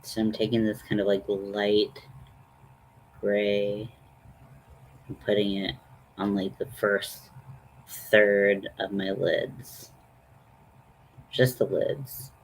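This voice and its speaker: A man with a slightly low voice hosts a casual makeup tutorial. He speaks very slowly, rambling and poking fun at himself. Faint noise sits behind his voice. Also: little pitch movement, rough recording. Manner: rambling, self-deprecating. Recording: noticeable background noise.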